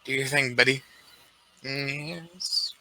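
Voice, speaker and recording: A man's voice: mid-range voice, steady tone, slow pace, pushed and bright, no echo, poor audio. A man playing a tabletop game, chatting casually with cocky jokes and swearing.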